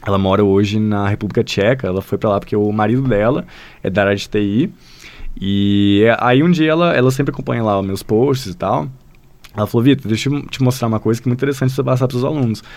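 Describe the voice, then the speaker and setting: A man's voice: on the low side, quick pace, darkish tone. Brazilian man telling stories in rambling chat. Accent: Brazilian Portuguese. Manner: rambling, filler-heavy storytelling that often addresses the listener. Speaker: guest, language school founder. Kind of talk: casual podcast conversation.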